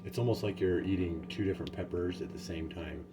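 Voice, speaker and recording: A man with a very low voice chats loosely about his garden, drifting through thoughts with plenty of ums. The recording carries a steady background noise throughout. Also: a little fast. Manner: easygoing, rambling, many fillers. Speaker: home gardener reviewing peppers. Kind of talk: casual tasting vlog. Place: home and backyard garden.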